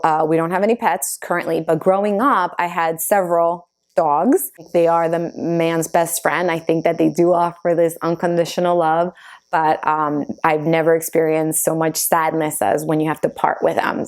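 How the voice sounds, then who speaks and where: A woman from Argentina in her thirties, Spanish being her first language, chats on YouTube as she answers her own get-to-know-me questions, using lots of fillers. Her voice is lowish and a little mellow.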